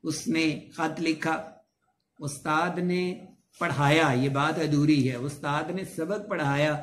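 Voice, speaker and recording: Echoey Urdu-speaking man teaching grammar. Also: on the high side. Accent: Pakistani Urdu. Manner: explains slowly with many repeated examples. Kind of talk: spoken grammar lesson. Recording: echoey room with faint ambient noise.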